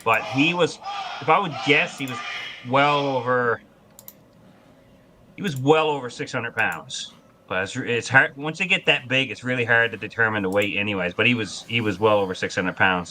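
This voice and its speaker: Bright-voiced man spinning folksy hunting yarns. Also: mid-range voice, moderate pace. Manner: folksy hunting-yarn telling. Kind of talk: casual anecdotal storytelling.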